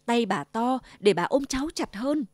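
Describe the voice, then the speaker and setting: A woman's voice: a little high, lively intonation, moderate pace, a little mellow, dry recording. A woman voicing a wicked, greedy old male wolf in a storybook reading, growling and faking a sweet grandma voice. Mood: falsely sweet.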